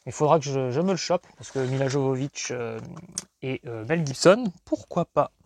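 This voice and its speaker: A man's voice: medium pitch, moderate pace, slight background noise. Rambling man sorting through old CDs. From France. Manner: rambling, self-questioning, bursts of excitement. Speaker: collector vlogger. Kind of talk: casual unboxing commentary.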